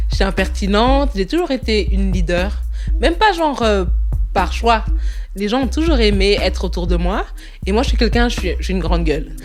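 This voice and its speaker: A young woman in a casual interview, talking candidly in a quick, lively way and laughing often. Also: medium pitch, soft background music.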